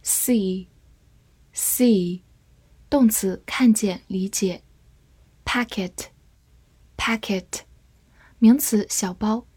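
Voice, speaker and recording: Woman running a slow vocab drill, says each word twice, soft mellow voice, dry close sound. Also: mid-range voice, breathy edge, dry recording. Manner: repeats each word twice, then gives part of speech and meaning. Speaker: English vocabulary teacher.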